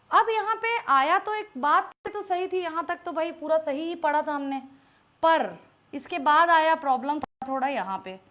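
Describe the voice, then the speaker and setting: Indian woman, high voice, online English teacher, explains step by step and quizzes the class. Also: sharp tone, dull audio. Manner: explains step by step, quizzing students with frequent questions.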